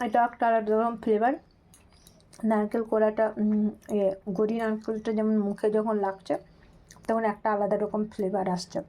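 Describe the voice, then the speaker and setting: A woman's voice: medium pitch, little pitch movement, normal speed, pauses often, mellow, poor audio. A woman hosting a home cooking video, chatting directly to her viewers from her kitchen. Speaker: cooking channel host. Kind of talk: casual cooking video talk.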